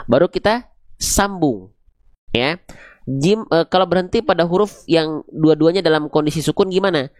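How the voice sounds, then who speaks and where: A Quran recitation teacher leading an online class, explaining patiently, going slowly and checking often that learners follow. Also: medium pitch, no room sound, studio quality. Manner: patient, repeats slowly, demonstrates sounds. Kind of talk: live online class with a whiteboard.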